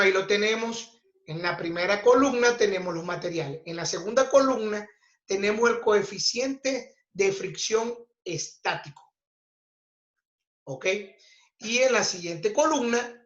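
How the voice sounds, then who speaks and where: A man's voice: high voice, fairly bright tone. A man teaching a physics lesson, explaining step by step and checking in with "ok?" after nearly every point. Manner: slow, deliberate explaining, checks in with "ok?" constantly. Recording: roomy, dull lo-fi recording.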